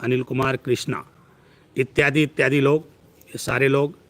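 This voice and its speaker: A man's voice: mid-range voice, little pitch movement, moderate pace. A man giving a preachy live-stream astrology talk who piles up long lists of words.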